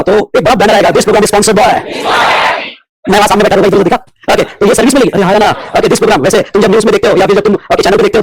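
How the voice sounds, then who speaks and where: A man teaching a classroom lecture on tax law. He mixes Hindi and English and keeps checking whether his students are following. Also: sits high. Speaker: commerce teacher.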